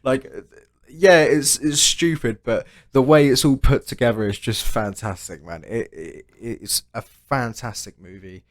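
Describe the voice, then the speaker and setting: A man's voice: medium pitch, a little slow, no echo. A man co-hosting a casual chat show, telling long rambling stories, swearing freely and ending lines with "right?". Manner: rambling storyteller, tags "right?" onto sentences. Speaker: podcast co-host.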